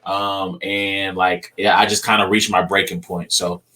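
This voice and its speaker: Young male podcast host, loose rambling delivery, bright and forceful tone. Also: low voice, little pitch movement, unhurried. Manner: loose and rambling, many ums. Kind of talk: casual podcast chat.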